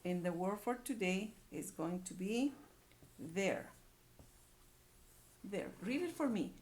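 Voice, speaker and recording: This woman speaks at medium pitch, slowly and expressively, with a slightly mellow tone. She teaches young children to read by reading aloud, repeating words and phrases and asking questions to keep them engaged.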